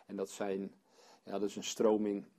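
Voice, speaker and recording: Brief: low, raspy male teacher at a Bible study, reads verses, then works through them aloud. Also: monotone, moderate pace, dark tone. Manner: reads scripture aloud, then explains in a searching, thinking-aloud way.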